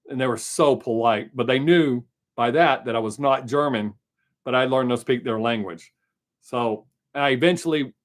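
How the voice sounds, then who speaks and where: A middle-aged American man with a Southern drawl, hosting a casual live stream and rambling frankly through viewer questions with some swearing. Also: medium pitch. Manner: rambling, chatty, frank and profane. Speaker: livestream host answering chat.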